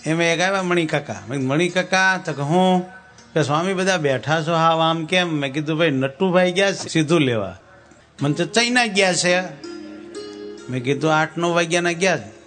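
A man's voice: on the high side, normal speed, fairly bright tone, faint music behind. A man giving a devotional sermon, telling folksy stories and acting out the dialogue. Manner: folksy storyteller, acts out dialogue. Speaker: Swaminarayan sadhu preacher. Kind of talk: katha sermon with sung verses and anecdotes.

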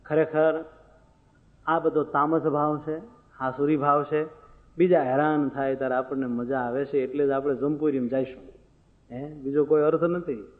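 A man's voice: on the high side, level tone, normal speed. A man, giving a moral sermon full of folk anecdotes and rhetorical questions to his listeners. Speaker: preacher. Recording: phone-like sound, long hall reverb.

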